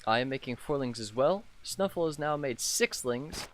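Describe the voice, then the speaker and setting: A hoarse young man, sick with a sore throat, giving casual commentary on his own strategy game match as a channel host, with lots of um fillers. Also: mid-range voice, animated, moderate pace. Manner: rambling with many "um" fillers.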